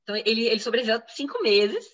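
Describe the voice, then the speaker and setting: A fairly high-pitched woman, a physician, tells a medical story in an interview at a quick clip. Her voice is bright and forceful, and she acts out the people she quotes. The recording sounds slightly dull and lo-fi. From Brazil. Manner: explanatory, quoting others in lively reenactment. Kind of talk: interview answers, personal medical account.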